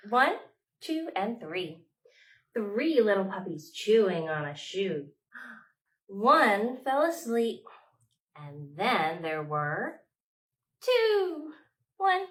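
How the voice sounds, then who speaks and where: Like a children's librarian, a woman leads storytime for young kids, reading expressively and using dramatic pauses. Her voice is on the high side and a bit bright.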